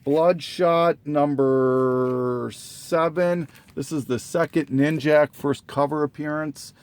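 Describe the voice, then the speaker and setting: A man slowly listing items from his collection in a casual, halting way, full of ums and self-corrections, clearing his throat as he loses his voice. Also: on the high side, fairly even intonation. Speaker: comic collector listing trades. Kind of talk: casual show-and-tell listing.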